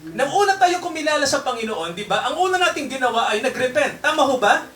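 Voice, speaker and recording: A man's voice: very high voice, sing-song, quick pace, fairly bright tone, roomy sound, far from the mic, a little hiss or hum. A man preaching a sermon to his congregation in a mix of Tagalog and English, constantly checking in with tag questions. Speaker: pastor. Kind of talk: Taglish sermon.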